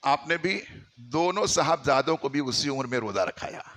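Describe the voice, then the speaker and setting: A man's voice: mid-range voice, lively intonation, normal speed, a bit bright. A man from India preaching a storytelling sermon, emphatic and exhorting his listeners.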